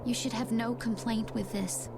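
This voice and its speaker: Earnest, high-voiced fantasy heroine. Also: female voice, steady tone, normal speed, gravelly, very noisy. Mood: resolute. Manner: earnest, polite, formal. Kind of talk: video game voice acting. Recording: game music behind the voice.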